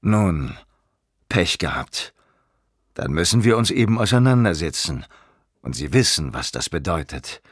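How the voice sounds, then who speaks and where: A man's voice: low voice, very animated, a little slow, pauses often, no room sound, clean studio sound, heavily acted. A man voicing a sinister one-armed male ex-policeman villain who whines one moment and threatens coldly the next. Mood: menacing. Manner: whining, then cold and menacing.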